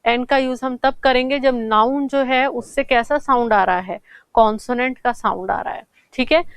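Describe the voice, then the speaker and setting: Woman teacher with a smooth higher voice. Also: no echo. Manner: asks questions and answers them herself, says "theek hai" often; slows down to pronounce English examples clearly. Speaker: English grammar teacher. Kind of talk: classroom lesson explaining grammar.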